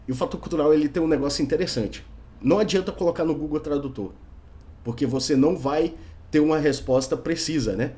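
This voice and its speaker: A man's voice: medium pitch, darkish tone. A young man with a Brazilian Portuguese accent, giving a casual video lesson on learning English and often tagging sentences with a questioning "right?". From Brazil, Brasília. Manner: chatty, tags many sentences with a questioning "right?". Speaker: English teacher.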